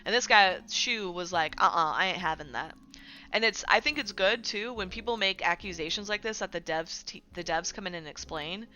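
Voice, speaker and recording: A woman's voice: mid-range voice, moderate pace, hardly any pauses, pushed and bright, a little hiss or hum. A woman streamer talking casually to her viewers, full of fillers and often checking in with "right?". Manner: chatty, filler-heavy, keeps asking "right?". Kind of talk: casual livestream commentary.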